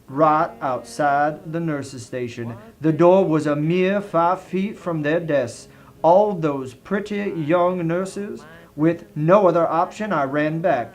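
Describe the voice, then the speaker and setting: A man with a Southern US accent narrates in a fairly high voice, turning a comic review into a dramatic tale with a genteel, theatrical delivery.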